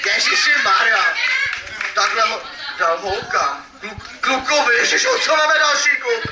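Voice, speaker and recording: A man's voice: extremely high pitch, expressive. A man performing as a children's magician at a live event, playfully teasing the kids and calling out to the crowd. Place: event hall with audience. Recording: echoey, distant mic, noisy ambience.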